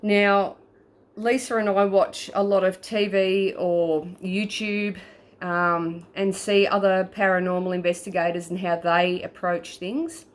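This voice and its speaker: A woman talks straight to her phone camera in a relaxed explainer video. She walks through each point patiently, in a mid-pitched voice, pausing to check in with the viewer. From Australia. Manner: chatty, explains step by step, often checks in with "okay?". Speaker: paranormal investigator. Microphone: phone, front camera.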